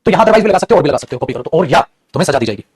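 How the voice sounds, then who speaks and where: Indian guy teaching english grammar, husky voice, talks fast and kinda high, keeps saying beta. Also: sing-song, a little mellow. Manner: explains in Hindi, often calls students "beta", repeats points. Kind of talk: classroom grammar lesson.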